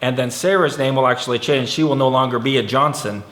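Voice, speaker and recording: Chatty dad, echoey room. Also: male voice, mid-range voice, quick pace, fairly bright tone. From California, USA. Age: 40s. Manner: chatty, explains patiently, teasing. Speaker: family vlogger, father. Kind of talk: casual family Q&A.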